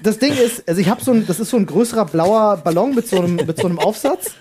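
A man co-hosting a casual podcast, telling an animated, slangy story. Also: high voice, fast talker, slight background noise. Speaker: podcast co-host. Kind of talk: casual chat.

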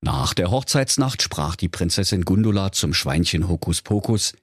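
A middle-aged Saxon storyteller reads a comic fairy tale with a husky, low voice. His delivery swings lively up and down as he turns to the children. The sound is dry and close. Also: moderate pace, no echo. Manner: playful, addresses the children.

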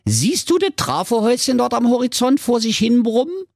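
Man playing a scrawny web designer, smug, cheeky, high, lively, dry sound. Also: fairly quick, gravelly, no echo, exaggerated voice. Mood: cocky. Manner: cheeky, know-it-all.

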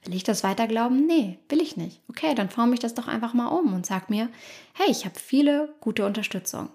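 A woman's voice: fairly high pitch, expressive, a little fast, a little mellow. A woman in her thirties hosting a motivational podcast, talking straight to the listener, acting out inner voices and asking many rhetorical questions. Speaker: podcast host and life coach.

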